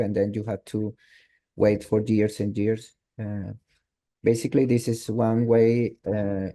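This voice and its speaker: Spanish-speaking man from Venezuela, online interview guest, deep dark voice, halting English full of restarts. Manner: halting, with many restarts and fillers. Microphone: video call.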